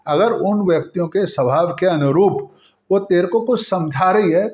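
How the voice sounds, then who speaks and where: A man takes on a caring older mother who talks her grown daughter through her troubles in a patient, earnest, lecturing way. The voice sits fairly high. The storytelling recording sounds dull and lo-fi. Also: moderate pace, darkish tone, close to an everyday voice. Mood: gently lecturing.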